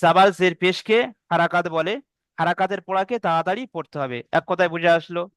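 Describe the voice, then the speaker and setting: A man teaching Arabic letter reading in an online video-call class, sounding out each letter slowly and then explaining the rules. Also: sits high, a bit bright, clean tone, no echo. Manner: slow drawn-out drilling of letter sounds.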